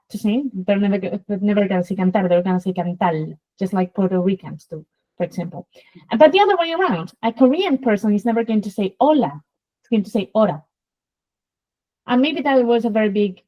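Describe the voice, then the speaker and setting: In a rough recording, a woman with a warm, medium-pitched voice and a Spanish accent hosts an interview. She's a native Spanish speaker and Spanish teacher who explains sounds in a lecturing manner and voices examples aloud.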